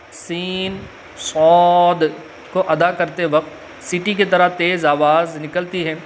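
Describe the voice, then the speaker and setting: A man with a Pakistani Urdu accent teaching a religious lesson and stretching out letter sounds slowly, with filler pauses. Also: on the high side, a bit bright, slight background noise. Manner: slow drawn-out letter recitation with frequent filler pauses. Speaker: Quran reading teacher. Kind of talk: religious lesson with Arabic invocations.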